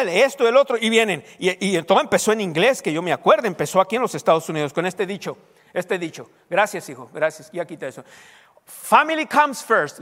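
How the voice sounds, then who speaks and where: A man's voice: high voice, fairly bright tone. A man preaching a sermon as pastor, teaching and quizzing his congregation with call-and-response questions. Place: church hall. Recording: long hall reverb.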